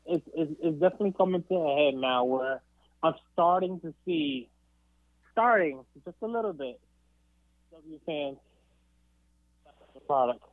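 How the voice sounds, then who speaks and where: A man's voice: a little high, animated, measured pace, pauses often, no echo, phone-quality sound. A man giving his opinions in a casual podcast chat, often repeating words as he works toward his point.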